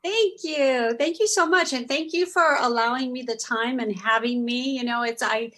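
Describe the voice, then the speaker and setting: Chatty Californian woman, lightly higher voice. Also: moderate pace, poor audio. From Southern California. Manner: rambling, animated storytelling with laughs. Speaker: guest. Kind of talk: podcast interview.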